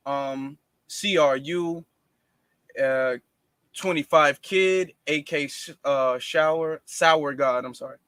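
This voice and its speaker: Bright-voiced man hosting a livestream. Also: fairly high pitch, clear, resonant tone, no echo. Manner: conversational explaining, frequent fillers and restarts. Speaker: livestream host. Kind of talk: casual livestream talk.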